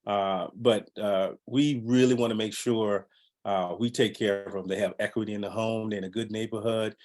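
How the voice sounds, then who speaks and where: A Bahamian realtor appears as a podcast guest in a casual interview, rambling cheerfully and using plenty of filler words. His voice is fairly low and darkish, with fairly even intonation and a moderate pace.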